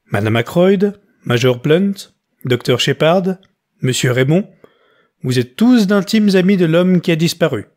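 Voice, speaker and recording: A man's voice: a little high, animated, measured pace, darkish tone, voice pushed up. Man voicing a detective, middle-aged, solemn, pleading, insistent, audiobook character. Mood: urgent appeal.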